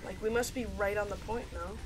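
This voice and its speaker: A woman's voice: mid-range voice, fairly even intonation, brisk, background noise. A woman doing rambling, chatty gameplay commentary, talking to her viewers as she plays. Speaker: gaming video creator.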